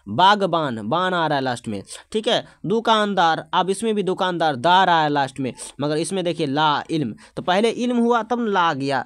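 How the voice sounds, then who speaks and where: A man teaches an exam-prep lesson in a high voice, repeating each term and asking the class questions. The recording is dry and close, with no room sound. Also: a bit bright, no room sound.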